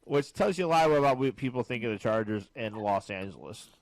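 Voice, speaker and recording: A man co-hosting a podcast, chatting about football in a jokey, excitable way. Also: fairly quick, no room sound. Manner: animated, jokey, swings pitch high when excited. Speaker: podcast co-host. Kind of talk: casual sports chat.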